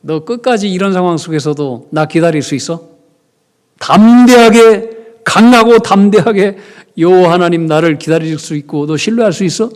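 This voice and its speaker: A middle-aged man preaching a sermon as pastor, moving between quiet, hushed confession and loud, emphatic preaching. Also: a little high, a little fast. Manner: acts out prayers in a soft, hushed voice.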